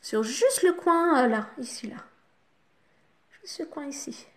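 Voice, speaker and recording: A woman talks through a makeup tutorial. Her chat is relaxed and familiar, dotted with small filler words as she works. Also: high-pitched, slow pace, a little hiss or hum. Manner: chatty, talks the viewer through each step with fillers like "hop" and "voilà". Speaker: makeup vlogger.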